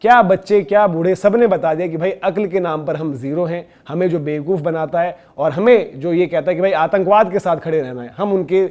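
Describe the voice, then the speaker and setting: A man's voice: fairly high pitch, a little fast, few pauses, darkish tone. A man giving scornful, indignant opinion commentary on cricket, hammering his points with repetition.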